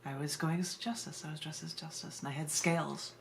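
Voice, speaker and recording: Sharing poems and offhand remarks with viewers, this American host of a live online poetry reading has a low, gravelly voice. She keeps a steady tone and moves briskly. She is from the United States, and her live video stream carries noise.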